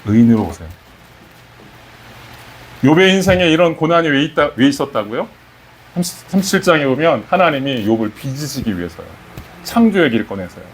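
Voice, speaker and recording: A man's voice: medium pitch, very animated, fairly quick, pauses often, slight background noise. A man preaching a Sunday sermon as pastor, putting questions to the congregation and rising in emphasis.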